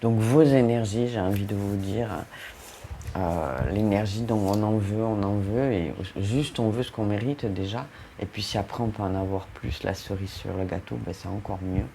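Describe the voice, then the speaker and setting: A man's voice: fairly low pitch, moderate pace, vocal fry, mellow, slight background noise. A man with a French accent giving a casual, upbeat tarot card reading, talking straight to his viewers and often interrupting himself. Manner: chatty, upbeat, breaks into laughs and self-interruptions.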